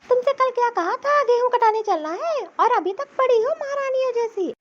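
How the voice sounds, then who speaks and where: A woman voicing a stout, sharp-tongued old mother-in-law who scolds and nags in a cartoon. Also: very high-pitched, expressive, normal speed, lo-fi sound. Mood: scolding. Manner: scolding, nagging. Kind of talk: cartoon voice acting.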